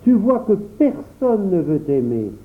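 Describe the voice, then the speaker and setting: A man voicing a gentle, earnest little boy in a storybook reading, pitched up from his own voice. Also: big pitch swings, measured pace. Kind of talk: storybook narration. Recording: tinny phone-like audio.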